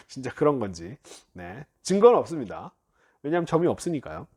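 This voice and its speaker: A man's voice: medium pitch, very animated, brisk, a little mellow, breathy edge. A man teaching Hebrew grammar in a lecture, explaining step by step with frequent prompts and self-corrections. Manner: explanatory, uses many "자" prompts, self-corrects and laughs lightly. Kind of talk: recorded classroom-style lecture.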